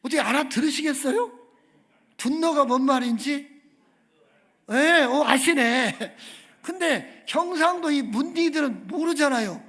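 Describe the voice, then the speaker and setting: A man's voice: extremely high pitch, lively intonation, measured pace, a bit bright. A man preaching a sermon as a guest pastor in a church, emphatic, calling for amens and putting questions to the congregation. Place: church sanctuary.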